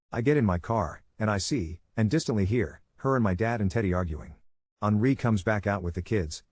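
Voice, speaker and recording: A man reads a story aloud in a steady, even storytelling manner. His voice sits low, and the recording is close and dry with no room sound. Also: dry recording. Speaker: narrator. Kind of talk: scripted narration of an online story.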